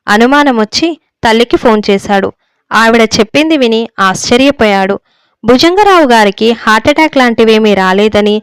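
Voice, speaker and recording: Clear-voiced woman reading a story. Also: fairly high pitch, no echo. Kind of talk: scripted narration.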